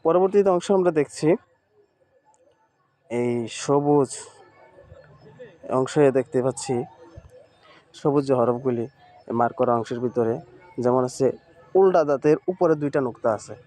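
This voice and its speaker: Dark-voiced man teaching Quran letters. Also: mid-range voice. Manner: patient, repeats letters and words slowly; Arabic letter names in Bengali speech. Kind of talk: online recitation lesson.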